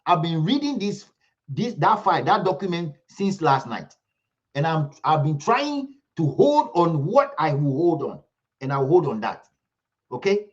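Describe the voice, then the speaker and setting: A man's voice: on the high side, big pitch swings, a little slow, lo-fi sound. A man hosting an online commentary livestream, talking emphatically, repeating himself and pleading with viewers.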